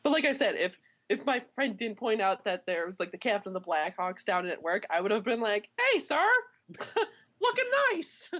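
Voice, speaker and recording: A young woman from Chicago, co-hosting a podcast in casual chat, rambling and animated, full of "like" fillers. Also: mid-range voice, brisk, hardly any pauses. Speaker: podcast co-host.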